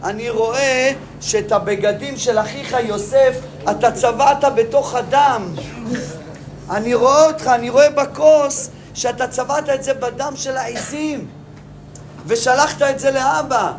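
A man's voice: extremely high pitch, fairly even intonation, voice pushed up. A man voicing Joseph, a mocking, all-knowing ruler of Egypt who needles with question after question. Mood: taunting.

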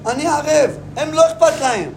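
A man's voice: very high-pitched, lively intonation, vocal fry, darkish tone, slight background noise, voice pushed up, full character voice. A man voicing Judah, a proud, indignant brother who pleads earnestly and insistently.

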